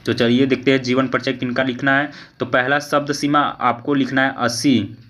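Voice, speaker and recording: Reading out every question on an exam paper, this male teacher slows down for the verse passages and keeps asking "okay?" His delivery is flat at a medium pitch with a fairly bright tone, captured in dull lo-fi audio.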